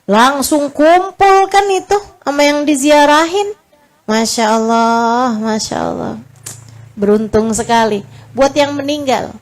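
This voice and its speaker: Taking it slowly in a high-pitched voice, a woman Islamic preacher tells heartfelt stories in her sermon. She jokes casually and speaks to her audience as friends, softening to a hush when she quotes comfort.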